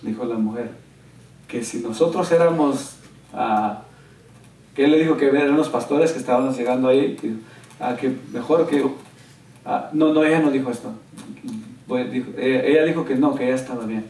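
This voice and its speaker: A male pastor preaches a storytelling sermon, heard roomy and from a distance in a church. His voice is medium-pitched at a normal speed, and he's an animated storyteller who quotes others in a raised, excited voice.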